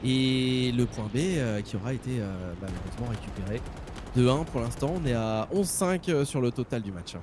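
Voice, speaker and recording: A man's voice: medium pitch, moderate pace. A man giving casual, emphatic live commentary as an esports caster. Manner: excitable, emphatic. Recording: clear game noise behind the voice.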